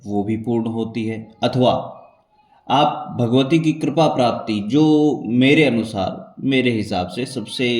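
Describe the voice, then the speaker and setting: A man's voice: medium pitch, a little mellow. Man teaching a devotional ritual, echoey room. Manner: measured, repeats points for emphasis. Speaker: spiritual teacher.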